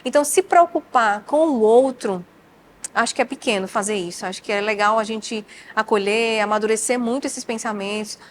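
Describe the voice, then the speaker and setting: A woman's voice: a little high, moderate pace, slight background noise. A Brazilian woman, a child psychologist, talking in a casual interview and acting out family dialogue as she tells stories. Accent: Brazilian Portuguese. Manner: animated storytelling, acts out family dialogue.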